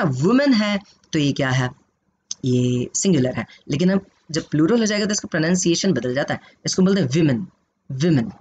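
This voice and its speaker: Man, Indian accent, English teacher, online class lecture, dull lo-fi audio. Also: on the high side. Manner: lively, quizzing students, switching between Hindi and English. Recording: dull lo-fi sound with faint noise.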